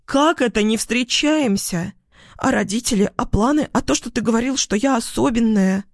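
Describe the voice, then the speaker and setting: A man voicing a volatile, clingy young woman in an audiobook, given to shrill screaming outbursts. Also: measured pace, no room sound, studio quality. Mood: furious. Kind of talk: audiobook character voice.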